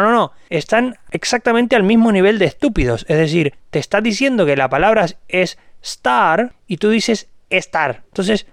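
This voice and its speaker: A man delivering an opinionated solo monologue as a podcast host, scornful and indignant, slowing down to spell out words with heavy emphasis. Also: high-pitched, dry recording, studio quality.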